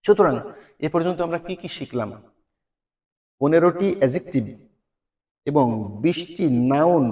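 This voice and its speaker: A man's voice: fairly high pitch, a little mellow. A man with a Bangladeshi accent teaching a spoken English lesson, repeating each phrase again and again as a drill. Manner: drills phrases with many repetitions.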